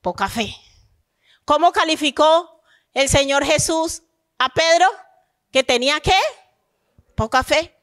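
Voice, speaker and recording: A woman pastor preaches a lively sermon in a high, bright voice, speaking slowly and pausing often. She fires questions at the congregation and acts out the grumbling of believers.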